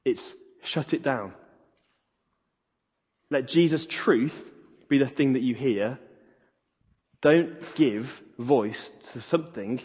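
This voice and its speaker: A man's voice: medium pitch, darkish tone, husky. A man preaching a sermon in an earnest way, repeating key phrases for emphasis. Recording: reverberant hall, dull lo-fi sound.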